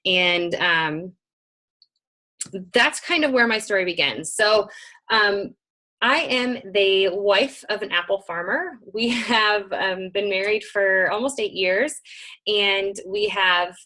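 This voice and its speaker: This young woman from Michigan, hosting an informal webinar at home, speaks at medium pitch with a bright, forceful tone. She talks chattily with frequent ums into her computer mic and is slightly out of breath.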